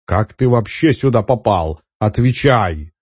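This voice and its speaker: A haughty shapeshifter guarding a hoard of treasure, as a male narrator puts him on, drawing out each word with cold contempt. The voice is very low, dark and husky. Nothing in the recording adds room sound. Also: no room sound. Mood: demanding. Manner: contemptuous, menacing, slow and low.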